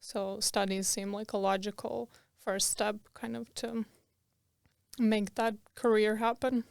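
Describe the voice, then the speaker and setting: Smooth-voiced young woman from Croatia. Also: mid-range voice, little pitch movement, slow pace, no echo, clean studio sound. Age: young adult. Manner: chatty, laughs often, many fillers. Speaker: podcast guest. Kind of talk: casual interview.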